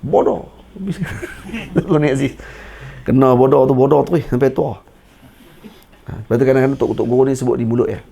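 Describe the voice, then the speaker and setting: A man with a Malaysian Malay accent teaching a religious text, reading Arabic passages slowly and then explaining them in relaxed colloquial speech with jokes and laughs. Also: mid-range voice, creaky, slightly rough. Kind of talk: kitab study lecture.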